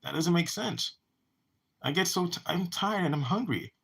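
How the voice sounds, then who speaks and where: Gravelly, husky New man. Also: a little high, animated, moderate pace, fairly bright tone. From United States. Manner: rambling, with many restarts and repeated words. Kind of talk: personal monologue.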